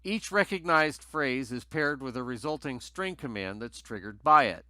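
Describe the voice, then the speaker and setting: A man presents a tutorial in scripted narration, explaining things methodically with lively intonation at normal speed. His voice is bright, forward and middle-pitched, recorded close and very dry with no echo.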